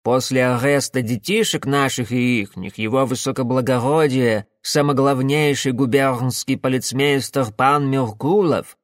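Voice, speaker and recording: A lazy, sly old male tailor drawls out his mocking remarks, as a man voices him in an audiobook. His voice has a middling pitch. The recording is dry and close. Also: no room sound, lightly acted.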